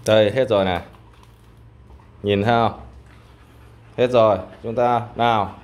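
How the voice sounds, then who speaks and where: A man's voice: on the low side, fairly even intonation, measured pace, a little mellow. A man chatting casually to his pet dogs and to viewers, coaxing them and calling out short commands, recorded on a handheld phone in a room at home. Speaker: dog owner and vlogger. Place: indoor tiled room at home. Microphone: handheld phone behind the camera. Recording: home phone recording with clear background noise.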